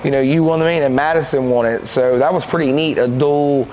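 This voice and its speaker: There's slight background noise and a rough quality to this recording of a man in his thirties, co-host of a podcast and manager of a shooting club. With a mid-range voice at a fairly quick pace, he tells rambling, animated stories with lots of gestures, chatting casually in a lodge room by a stone fireplace.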